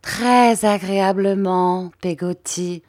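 A woman reading an audiobook, voicing a young widowed mother who breaks into bright, high exclamations. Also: slow, no room sound, studio quality. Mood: cheerful.

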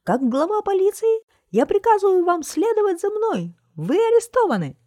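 A woman voicing a pompous male mayor who has been turned into a small mouse, squeaking and giving orders. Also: animated, measured pace, dark tone, husky, exaggerated voice. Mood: indignant squeaking. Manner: squeaky, indignant, commanding.

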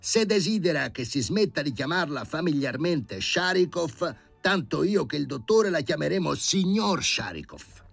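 A man voicing an elderly, gray-haired professor who is imperious and irascible, shouting in indignation in an audiobook reading. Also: a little high, sing-song, moderate pace, vocal fry, dry recording, voice pushed up, full character voice. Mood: indignant.

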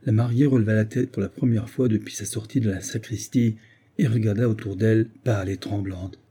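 A man narrating a classic novel in a measured literary reading. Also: fairly low pitch, steady tone, warm tone, slightly rough. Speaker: audiobook narrator. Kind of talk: scripted narration.

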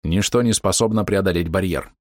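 A man giving steady, measured first-person narration of a fantasy audiobook. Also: low voice, no echo, studio quality.

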